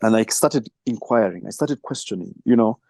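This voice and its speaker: A middle-aged man answering interview questions, reflective and storytelling, with soft laughs. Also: on the low side, expressive, normal speed, creaky, dry recording. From Kenya. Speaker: filmmaker and film trainer.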